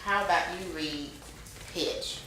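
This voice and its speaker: A woman's voice: slow pace, noisy background. A woman teaching a speech club class, speaking expressively with lots of emphasis and rising and falling tone. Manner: expressive, varies pitch and emphasis. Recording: very echoey room.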